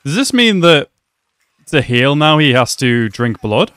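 A young man reacting to an anime episode at home, talking excitedly and exclaiming often. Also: mid-range voice, a little slow, smooth, dry recording. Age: young adult. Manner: animated, exclaims and laughs often. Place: small room at home.

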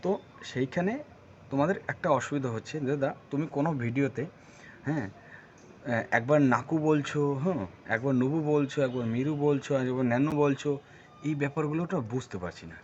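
A man from Bengal teaches a casual video language lesson. He says each word slowly several times and keeps checking in with the viewer. The recording is dull and lo-fi, with a faint hiss behind it. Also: mid-range voice, a little mellow. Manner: repeats words slowly with many check-ins.

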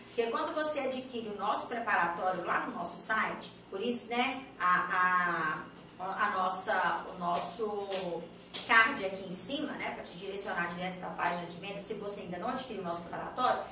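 A woman from Brazil teaching Portuguese grammar in an online exam-prep lesson, lively and chatty, asking the viewer questions. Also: mid-range voice, normal speed, distant mic, a little hiss or hum. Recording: echoey room, voice a bit off mic.

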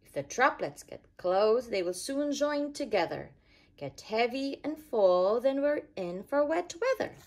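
A woman with a voice on the high side narrates a rhyming picture book for young kids, storyteller-style, her phrasing sing-song, expressive and deliberate.

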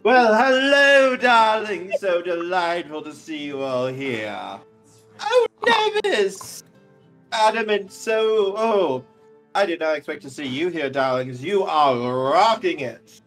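A man's voice: high-pitched, sing-song, slow, a bit bright, pitched above the performer's own voice, full character voice. A man voicing a flamboyant, schmoozing movie-producer type with effusive, theatrical patter in a tabletop game. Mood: gushing. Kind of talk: tabletop role-play. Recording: music behind the voice.

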